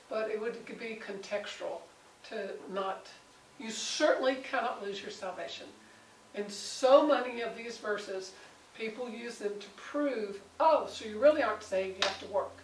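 A woman with a somewhat high voice leads a Bible study for a small group, chatting and asking them questions. She acts out the people she quotes. The sound is roomy and distant, with faint noise behind her. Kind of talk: conversational Bible teaching.

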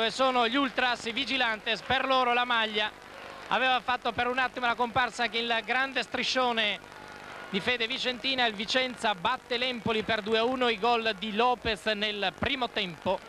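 A man from Italy giving excited, emotional football goal commentary, dramatic and repeating himself. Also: very high voice. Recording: loud stadium crowd noise, 1990s TV broadcast. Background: football stadium crowd.

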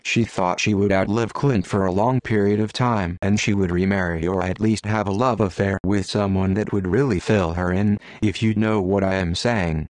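A man reading an audiobook aloud in a deadpan, matter-of-fact way. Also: deep voice, normal speed, hardly any pauses, no echo. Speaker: audiobook narrator. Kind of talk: scripted audiobook narration.

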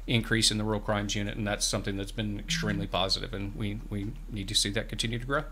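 A farm bureau representative in his fifties, a guest in a small radio studio, earnestly explains programs while often restarting his words. His voice leans low with a level tone, fast and pushed and bright, and a little hiss or hum is audible. He talks into a studio microphone on a boom arm, headphones on.

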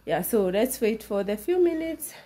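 Cooking in her home kitchen, a Kenyan vlogger with a Kenyan accent talks casually to viewers and drops in Swahili phrases. Her mid-range voice swings widely in pitch at normal speed, and the rough recording has loud music beneath it.

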